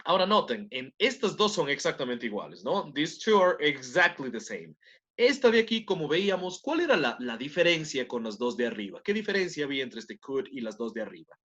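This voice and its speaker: Teaching an online class, this man talks a little fast in a slightly high, somewhat bright voice with big swings in pitch. He breaks a point down step by step and keeps checking in by questioning his students. The sound is dull and lo-fi, typical of online class audio.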